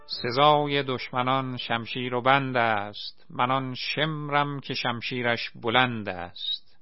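A man voicing a clumsy, dramatic young volunteer who drags out his words slowly. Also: mid-range voice, no room sound, highs cut off, soft background music, lightly acted. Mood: declaiming. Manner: slow, drawn-out exclamations.

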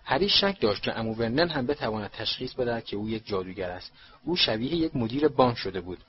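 A man narrating an audiobook in a steady storytelling manner. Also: mid-range voice, slightly rough, highs cut off. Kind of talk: scripted narration.

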